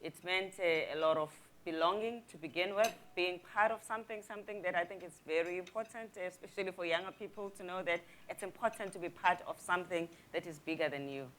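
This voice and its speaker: A woman speaking as a guest in an onstage panel discussion, reflective and unhurried, with many hesitant fillers. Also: on the low side, a bit bright, a little hiss or hum.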